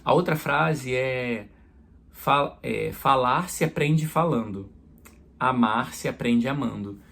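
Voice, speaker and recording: Um padre pregando uma homilia em tom de conversa, com exemplos do dia a dia. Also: male voice, medium pitch, slow, gravelly, fairly bright tone. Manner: conversational preaching with everyday examples. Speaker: priest.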